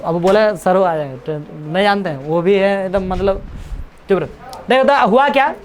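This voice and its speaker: Casual teacher explaining a story. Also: male voice, high-pitched. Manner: casual Hindi-English mix, reads English lines slowly and haltingly; chatty, jokes and scolds the class. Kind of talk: classroom lesson explaining an English story.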